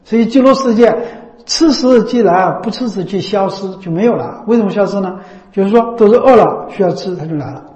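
A Buddhist teacher gives a dharma talk to lay listeners in a Buddha recitation hall, speaking in a high, mellow voice. He talks a little fast with lively intonation and hardly pauses, repeating himself and tossing in frequent rhetorical tag questions. The recording is roomy and slightly dull.

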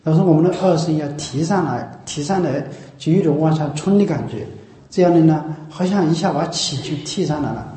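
A man's voice: a little high, mellow. A man teaching Buddhist chanting in a patient, explanatory spoken talk. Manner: patient, explanatory, slow, breaks into chanting demonstrations. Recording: echoey room.

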